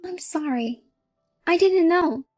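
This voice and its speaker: A high-voiced, entitled young sister-in-law, played by a woman in a storybook drama. She talks in a smug, demanding way, as if everything is already hers. Soft music plays faintly underneath. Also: slow, no room sound, studio quality. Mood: pleading. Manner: smug, demanding, then pleading. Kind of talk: storybook character voice.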